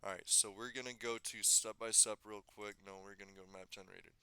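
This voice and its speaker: A man giving a casual screen-recorded software tutorial, thinking aloud and correcting himself as he goes, slightly losing his voice. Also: lowish voice, fairly even intonation, fairly quick, gravelly, clear, resonant tone, no echo. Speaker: tutorial maker.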